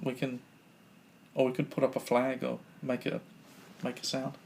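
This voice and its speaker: A man's voice: medium pitch, little pitch movement, moderate pace, creaky, a little mellow, slight background noise. A man from New Zealand with a New Zealand accent, co-hosting a podcast and telling rambling stories. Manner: rambling storyteller, many fillers and restarts. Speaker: podcast co-host. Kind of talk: casual conversational podcast chat.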